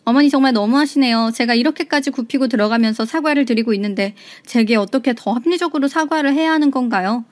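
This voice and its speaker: A woman's voice: a little high, fast, hardly any pauses, dry recording, close to an everyday voice. A woman voicing a self-pitying ex-wife who pleads in a whiny way. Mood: pleading.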